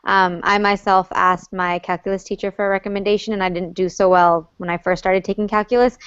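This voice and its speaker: Moderating an online Q&A, a young student from North Carolina, USA, reads out the questions and passes them to others in a friendly, well-organized way. Her voice is on the low side and clean, with no echo, over slightly muffled video call audio.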